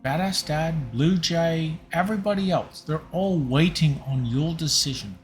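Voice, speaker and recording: A man's voice: on the high side, a little slow, soft background music. A tipsy man hosting a home cooking livestream, rambling casually and talking to his chat viewers. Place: home kitchen.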